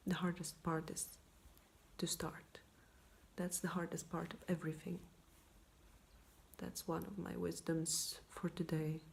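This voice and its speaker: A low-voiced woman, talking in a quiet, often whispered night-time hush. Her voice is gravelly with fry and sounds tired. She rambles in a self-deprecating way, speaking casually up close to a phone. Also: little pitch movement, unhurried, pauses often, slight background noise. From Poland. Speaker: vlogger. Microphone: iPhone, leaning in close.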